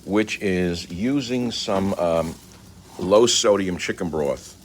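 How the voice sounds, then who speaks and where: An older man talking casually while he cooks in his home kitchen, rambling and combative, swinging between calm remarks and angry outbursts. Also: deep voice, takes it slowly, slight background noise, poor audio. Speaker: commentator. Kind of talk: casual monologue while cooking.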